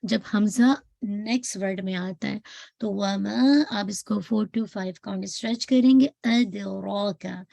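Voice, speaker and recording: A woman teaching Quran recitation, stretching out syllables slowly and often stopping to check that her listeners follow. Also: medium pitch, steady tone, gravelly, warm tone, no room sound. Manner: patient, drawn-out modelled syllables, frequent checking questions. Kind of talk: tajweed lesson, slow modelled recitation.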